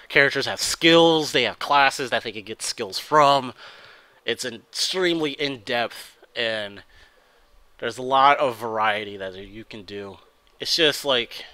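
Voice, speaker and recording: A man's voice: mid-range voice, pushed and bright, no room sound. A young man streaming a game, explaining it casually with dry sarcasm. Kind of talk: casual let's-play commentary.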